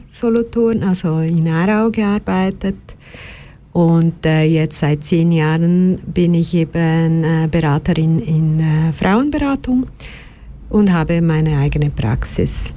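Slow, hesitant Brazilian-accented woman. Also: fairly low pitch, dark tone. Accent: Brazilian Portuguese. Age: middle-aged. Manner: hesitant, many pauses and fillers. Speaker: psychologist and victim support counselor. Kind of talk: radio talk show guest.

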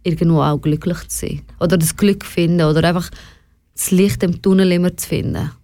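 This young adult guest, Swiss with an Afghan family background, reflects candidly on personal matters in a Swiss German accent, sprinkling in English words. Her lowish, mellow voice moves a little fast with fairly even intonation, captured in a dry recording.

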